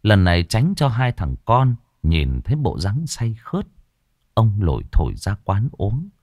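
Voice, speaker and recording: A low-voiced man reads a ghost story with dramatic, lively swings of pitch. The sound is dry and close to the mic. Faint music plays underneath. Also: measured pace, no room sound. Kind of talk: scripted story narration.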